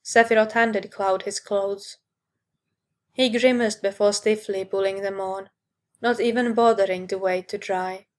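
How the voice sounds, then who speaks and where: A woman reading a fan fiction story aloud, narrating in an unhurried way and lifting her voice for the characters' lines. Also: mid-range voice, steady tone.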